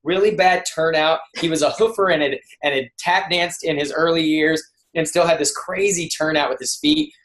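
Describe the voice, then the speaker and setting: A man giving a motivational talk on a team kickoff call. He tells conversational stories, with frequent restarts and lively quoted voices. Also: fairly high pitch, moderate pace, few pauses. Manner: conversational, with restarts and animated quoting. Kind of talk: motivational storytelling.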